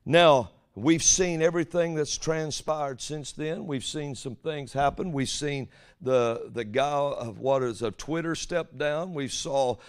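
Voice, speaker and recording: A man's voice: on the high side, a little slow, smooth. Folksy male preacher, rambling prophetic sermon. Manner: folksy, rambling, with rhetorical questions.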